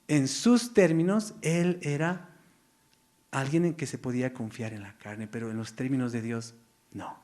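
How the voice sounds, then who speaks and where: A man delivers a sermon with emphatic, repeating phrasing. His pitch sits in an ordinary middle range, and he sinks to a low, quiet tone when he quotes the divine voice. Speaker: preacher.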